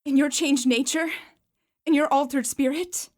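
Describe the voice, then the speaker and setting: A woman's voice: high-pitched, steady tone, moderate pace, a little mellow, lightly acted. A woman playing Belle, a young woman sorrowfully but firmly ending her engagement in a radio play. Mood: resolute. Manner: firm, sorrowful, clear.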